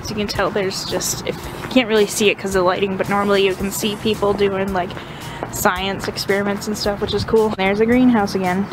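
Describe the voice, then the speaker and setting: A woman's voice: mid-range voice, flat delivery, fairly quick, over music, poor audio. A young adult woman giving a chatty, informal walking tour of a campus as a vlogger, recorded outdoors. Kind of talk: casual walking vlog chat.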